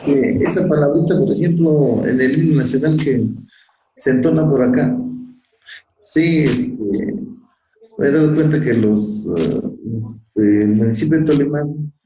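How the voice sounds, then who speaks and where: A man with a dark, mellow voice asks a teacher a question over a video call, hesitating often. The room sounds echoey, with faint noise behind him. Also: a little high, a little slow. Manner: hesitant, many fillers. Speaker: student. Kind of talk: asking a question in a class.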